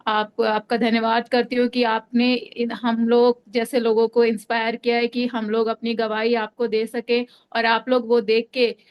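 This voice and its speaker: A woman's voice: on the high side, level tone, a little slow, hardly any pauses, clear, resonant tone, highs cut off. Hesitant woman giving a faith testimony. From Delhi, India. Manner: hesitant, many fillers and restarts. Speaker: testimony speaker.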